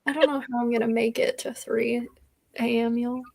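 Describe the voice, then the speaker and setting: A woman's voice: on the high side, flat delivery, normal speed, gravelly, a little mellow, husky. A woman co-hosting a reading livestream from home in casual chat, playful and teasing, often laughing.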